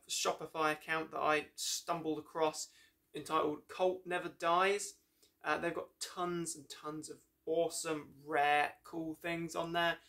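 This young adult man, a music reviewer and host, talks to camera in a casual, enthusiastic review, rambling a bit and correcting himself along the way. His voice sits on the high side with a fairly bright tone. He's indoors in a small room lined with shelves.

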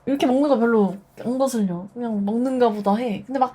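A woman's voice: a little high, fast talker, warm tone, husky. A woman live streamer chatting casually with her viewers, playful and teasing, laughing often, at a desk microphone at home.

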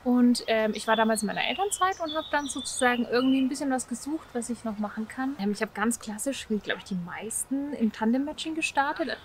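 A woman's voice: a little high, fairly quick, few pauses, a little hiss or hum. Chatty thirties woman on a park bench. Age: 30s. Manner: relaxed, chatty, hedging fillers. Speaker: volunteer project organizer. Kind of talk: interview answers to camera. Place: outdoors on a park bench by a meadow.

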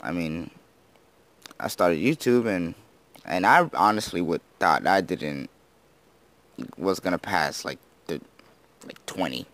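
A teenage boy with a notably deep voice rambles through casual commentary as he plays. He apologizes often, laughs at himself and slurs some words, sounding freshly woken. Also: animated, slow, pauses often, a bit bright. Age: teens. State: just woken up. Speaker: gaming YouTuber.

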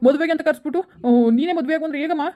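A fast-talking young village son, acted by a woman, protests in a mellow, fairly high voice. The tone is exasperated, and the lines are from a homemade comedy skit. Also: fairly even intonation, close to an everyday voice. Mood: protesting. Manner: rapid, protesting. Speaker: hobby skit actor.

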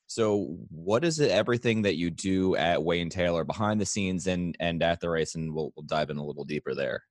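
Male podcast host with a very low voice and a dry, close sound, asking easygoing interview questions. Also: fairly quick, no room sound. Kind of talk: casual interview hosting.

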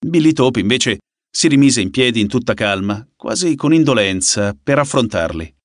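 A man narrating an audiobook in an expressive, dramatic scripted style. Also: mid-range voice, moderate pace, no echo, studio quality.

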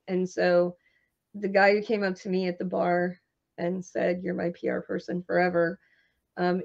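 Woman guest, lowish voice, animated anecdotal delivery, slightly dull lo-fi audio. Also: gravelly. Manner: animated anecdotal storyteller, laughs often. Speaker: screenwriter and marketing guest. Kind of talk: interview storytelling.

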